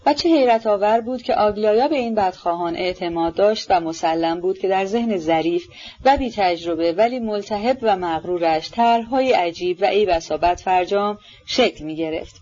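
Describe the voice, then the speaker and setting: A woman reading a classic novel aloud as an audiobook narrator, in a measured storytelling manner. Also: mid-range voice, darkish tone, muffled recording. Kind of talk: scripted literary narration.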